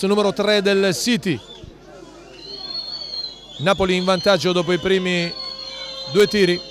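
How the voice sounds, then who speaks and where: High-pitched male football commentator. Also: noisy background. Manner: excited, dramatic goal calls that build to shouts. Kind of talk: live Italian football commentary. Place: outdoor football ground. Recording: outdoor stadium with crowd and music behind. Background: crowd and music.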